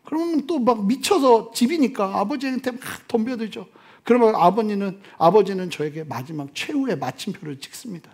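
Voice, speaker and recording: A middle-aged man preaching a sermon as pastor, swinging from loud exclamations to hushed near-whispers. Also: high-pitched, lively intonation, fairly quick.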